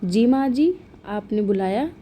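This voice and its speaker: A woman's voice: medium pitch, animated, a little slow, mellow, a little hiss or hum, lightly acted. A woman voicing a meek, dutiful young daughter-in-law in a storybook tale, polite and respectful.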